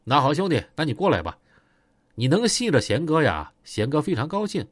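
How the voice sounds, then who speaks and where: A man doing a calm, authoritative gang boss. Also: fairly high pitch, brisk, no echo, clean studio sound. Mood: reassuring. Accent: Northeastern Chinese. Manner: steady, reassuring, authoritative.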